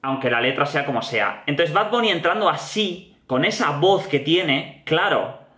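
A young man with a Spain Spanish accent reacts to a music video in casual, animated commentary and keeps dropping slang as he talks. His voice sits a touch high for a man. The sound bounces around an echoey room. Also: moderate pace. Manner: animated, slangy, repeats "tío" often.

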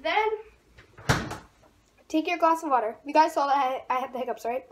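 This young teen vlogger, a girl of thirteen, talks in a high voice at a moderate pace, chatting informally and wandering from topic to topic. She's indoors at home, filmed on a camera held out or set close by, with plenty of handheld noise.

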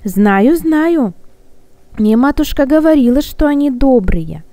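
A woman's voice: sits high, lively intonation, slow pace, warm tone, no room sound, full character voice. A woman voicing a frightened little orphan girl who pleads through her tears. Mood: tearful. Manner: pleading, tearful.

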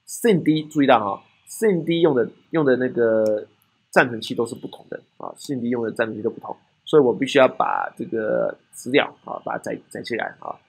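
A man's voice: mid-range voice, a little fast, gravelly, slightly rough. A man with a Taiwanese Mandarin accent giving a technical classroom lecture, often asking rhetorical questions and checking in with "right?".

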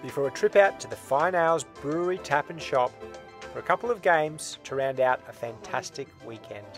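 A man reads steady, upbeat travel narration for a vlog. His voice sits a little on the high side. Music plays clearly underneath. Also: brisk.

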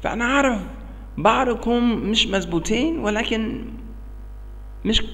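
A man's voice: very high-pitched, lively intonation, fairly bright tone. American man, broken English-accented Arabic, echoey room. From United States. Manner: halting broken Arabic with English accent, repeats check-in questions; earnest, emphatic. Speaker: religious speaker. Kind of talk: informal religious talk to camera. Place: small bare indoor room.

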